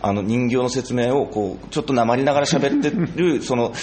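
Chatty Fukushima-accented man, quick talker. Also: medium pitch, slight background noise. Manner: lively, drawls in dialect. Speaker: podcast host. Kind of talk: casual chat.

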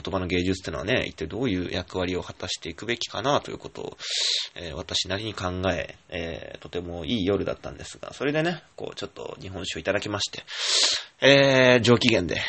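A man hosts a casual solo radio talk, rambling along with plenty of fillers and self-mocking asides. His voice is very low, gravelly and husky, and it swings widely in pitch as he goes. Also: a bit bright. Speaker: radio show host and theater director.

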